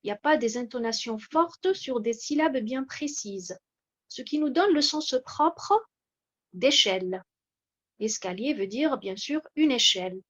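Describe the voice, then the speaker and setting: A woman giving a measured, explanatory lecture from slides, pausing often with hesitations. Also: a little high, animated, dull audio. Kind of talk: slide-based lecture on word stress.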